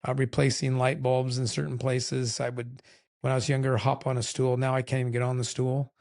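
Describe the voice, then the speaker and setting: A man's voice: medium pitch, completely flat delivery, fairly quick, creaky, darkish tone. An older man co-hosting a podcast with his wife, talking candidly and a little ramblingly, poking fun at himself. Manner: candid, rambling, self-deprecating. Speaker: podcast co-host. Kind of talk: casual chat.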